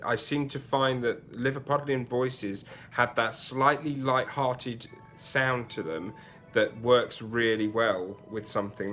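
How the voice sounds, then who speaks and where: A man's voice: lowish voice, a bit bright. A man hosting a casual livestream, reading out viewer comments and musing aloud in a chatty way, often restarting his sentences. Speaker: livestream host.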